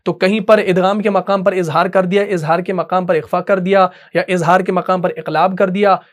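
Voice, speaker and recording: A man's voice: high voice, steady tone, normal speed. A man teaching an online Quran recitation class, explaining patiently and often checking that students follow.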